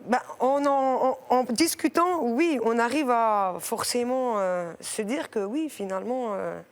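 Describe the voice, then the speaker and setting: A shy woman speaking as a talk show guest, halting and filling her pauses with hesitations. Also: on the high side. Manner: shy, halting, many fillers. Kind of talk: hesitant personal testimony.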